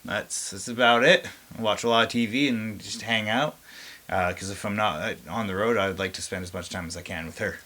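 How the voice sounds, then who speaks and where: A man's voice: lowish voice, fairly quick, bright, forceful tone. A man, a pro wrestler chatting easily as a guest in a casual interview. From Canada. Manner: easygoing, chatty, laughs now and then.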